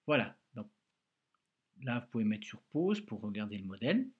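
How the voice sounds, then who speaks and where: A man's voice: fairly low pitch, very animated, moderate pace, breathy edge, phone-quality sound. A male schoolteacher recording a handwriting lesson for a child, patiently talking through each pen stroke aloud with an encouraging manner. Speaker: primary school teacher.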